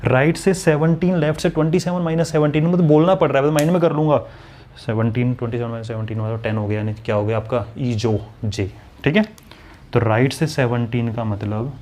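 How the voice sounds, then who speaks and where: A man's voice: medium pitch, darkish tone, a little hiss or hum. A man teaching an online exam-prep lesson, explaining step by step and often checking whether students follow. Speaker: maths and reasoning teacher.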